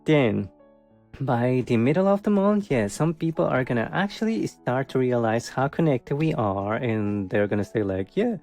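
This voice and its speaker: A man's voice: mid-range voice, lively intonation, moderate pace, darkish tone, faint music behind. A man giving a casual monthly tarot reading, hesitant and full of fillers, with a wry, sarcastic streak and frequent laughs. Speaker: tarot reader.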